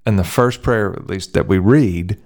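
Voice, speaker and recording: A man with a fairly low voice talks through a Bible passage in an easygoing conversation. He is a pastor, thoughtful, and he speeds up and slows down as he works through his points. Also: darkish tone. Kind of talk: casual conversation on scripture.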